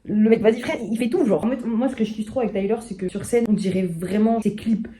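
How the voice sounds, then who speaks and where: A young woman talking casually to her viewers in a slangy vlog, swinging between loud remarks and murmured asides. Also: mid-range voice, fast talker. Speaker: vlogger.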